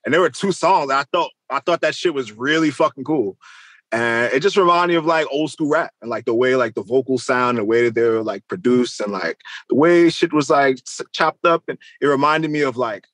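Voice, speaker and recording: Brisk and lively in intonation, a Queens, New York rap musician gives a loose, conversational interview as a guest, slangy and swearing freely. His medium-pitched voice is a bit bright, with no room sound.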